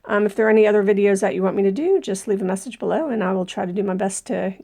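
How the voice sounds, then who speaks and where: A woman talks through a hands-on embroidery tutorial in a casual, chatty way, with frequent ums while she works. Her voice has a gravelly, creaky edge. She has a cold and sounds slightly short of breath. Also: mid-range voice, very fast, dark tone. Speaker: embroidery channel host.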